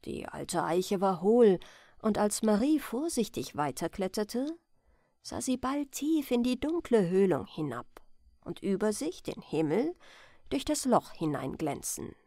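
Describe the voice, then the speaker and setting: This audiobook reader has a mid-range voice and narrates a bedtime fairy tale from a script with deliberate, expressive storytelling. Her recording is studio-clean, free of any room sound.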